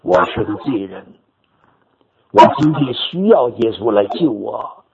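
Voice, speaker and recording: An older man preacher telling a story in his sermon, animated and repetitive, rising to sudden high exclamations. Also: a little slow, creaky. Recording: dull lo-fi recording with audience noise.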